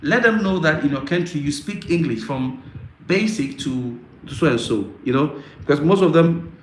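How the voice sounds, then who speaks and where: A man from Africa hosting a casual live Q&A, answering viewer questions in a halting way with frequent fillers and repetitions. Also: a little high, animated. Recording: roomy echo, faint background noise.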